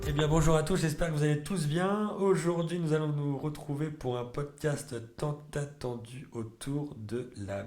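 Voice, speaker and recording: A man hosting a podcast, talking in a friendly, halting way and repeating words as he asks questions. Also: fairly high pitch, darkish tone. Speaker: podcast host. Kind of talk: casual podcast interview.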